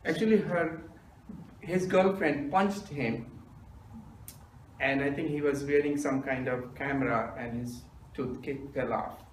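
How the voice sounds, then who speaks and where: A man, telling self-mocking jokes in a deadpan storytelling manner as a humorous club speaker. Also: medium pitch, measured pace, slight background noise. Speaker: stand-up speaker. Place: meeting room with audience. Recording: echoey room from a distance.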